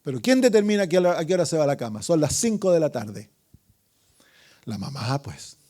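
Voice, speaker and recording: Acting as pastor, a man delivers an evangelistic sermon with drama, moving between loud calls and hushed asides. He questions the congregation and calls for amens. His voice is a little high, very animated, and brisk.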